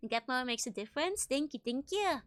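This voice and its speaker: A woman livestreamer chatting casually with viewers in a bubbly, giggly, gushing way, with a high-pitched bright voice. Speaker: streamer, virtual YouTuber host.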